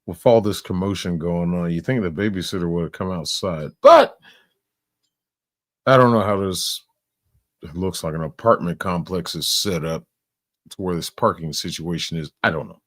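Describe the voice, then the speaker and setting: A man's voice: deep voice, moderate pace, a bit bright, no echo, clean studio sound. A man giving crude, sarcastic reaction commentary, mocking and swearing as he talks.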